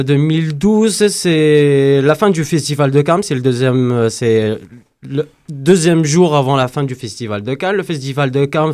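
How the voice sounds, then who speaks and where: A man reading out a factual radio column, halting with fillers between facts. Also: fairly high pitch. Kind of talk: read-out radio chronicle.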